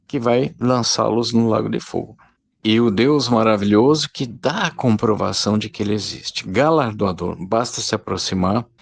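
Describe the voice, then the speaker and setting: A man preaches in a loose, conversational way, often turning to his listeners as brothers. His voice has a gravelly, fried edge. The sound is close and dry, with no room around it. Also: medium pitch, dry recording. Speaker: lay preacher. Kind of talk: informal spoken sermon.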